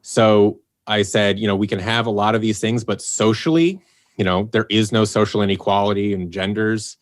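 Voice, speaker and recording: Talking at a normal speed, this man, who produces and writes an audio drama, speaks in a fairly low voice during a casual podcast interview. He hails from the Los Angeles area, wanders loosely through ideas with fillers and restarts, and livens up when he acts out someone's words or quotes himself.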